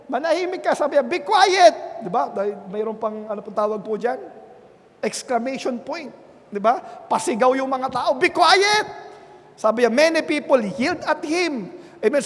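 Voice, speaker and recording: A Filipino-accented man preaches into a handheld microphone in a church sanctuary, his voice pitched very high for a man. He keeps checking in with the congregation by asking "Amen?", shifting between soft, earnest stretches and loud, emphatic ones. His voice rings with the long reverb of the hall. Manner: punctuates nearly every phrase with "Amen?" to the congregation. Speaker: pastor. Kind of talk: bilingual Sunday sermon.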